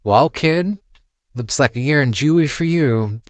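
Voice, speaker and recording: A man's voice: mid-range voice, expressive, unhurried, no echo, pitched above the performer's own voice, natural voice. A man voicing a stern male police officer in a horror story read aloud.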